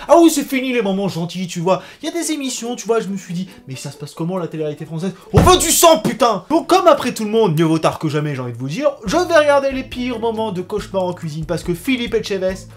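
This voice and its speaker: A man's voice: high-pitched, fast talker, hardly any pauses, faint music behind. A young man giving casual reaction commentary on a TV show, joking and ranting with lots of swearing. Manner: swearing, joking, animated rants.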